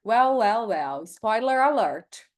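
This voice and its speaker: A middle-aged Brazilian HR executive, guesting on a podcast, talks candidly in a Brazilian Portuguese accent and drops in English phrases. Her voice is fairly high and sing-song, and she speaks slowly.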